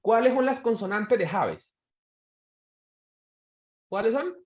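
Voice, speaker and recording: A man teaching a church Bible class, quizzing his students and slowing down to stress key words. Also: extremely high pitch, lively intonation, a little mellow. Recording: echoey room, dull sound.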